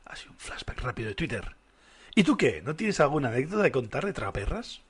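A man's voice: medium pitch, sing-song, fast talker, husky. A man, trading teasing wisecracks as podcast co-host in front of a live bar audience. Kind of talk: casual banter before a live audience.

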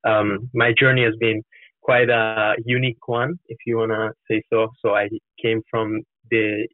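Appearing as a podcast guest, this Italian-accented man in his twenties co-founded a startup and comes from Florence. He explains his answers earnestly at a measured pace, his voice on the low side and flat. The audio is roomy and narrow, with a muffled, call-like quality.

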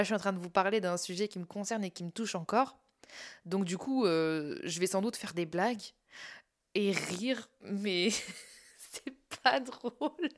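A young woman with a tired voice, candidly talking through a personal podcast, laughing at herself and trailing off on fillers. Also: on the low side. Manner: candid, self-mocking, laughs through serious points, many fillers and restarts. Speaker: podcast host and content creator. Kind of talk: casual personal podcast monologue.

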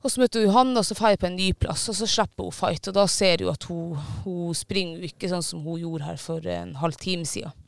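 In a casual chat, a high-voiced man tells his story, swearing now and then and stopping on fillers, though he hardly pauses otherwise. His tone is clear and smooth with a gravelly fry beneath it. The sound is dry and close, with no echo.

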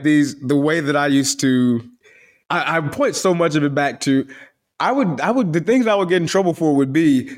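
A man with a voice that carries, telling stories on a podcast in a loose, rambling way, full of slang and restarts. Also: on the high side. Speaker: podcast co-host. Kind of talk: casual podcast chat.

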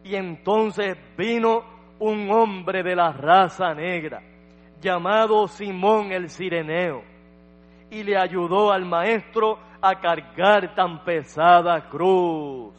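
A preacher voicing a fervent old prophet praying. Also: male voice, sits high, voice pushed up. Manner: solemn, drawn-out, rising to a cry.

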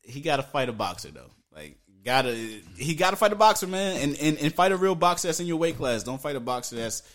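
Bright-voiced guy, laid back. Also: a little high, quick pace. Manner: relaxed storytelling, slangy, mimics people. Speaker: podcast co-host. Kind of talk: casual chat.

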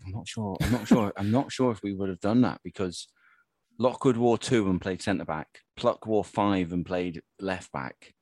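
Low-voiced man in relaxed podcast chat. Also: normal speed, dry recording. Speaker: podcast panellist. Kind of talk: casual football podcast chat.

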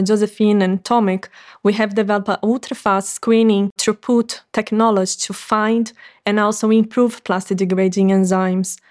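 A woman with as an answers interview questions as a startup founder. Her voice sits at a middle pitch. She talks in an earnest, explanatory way with some fillers. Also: a little mellow.

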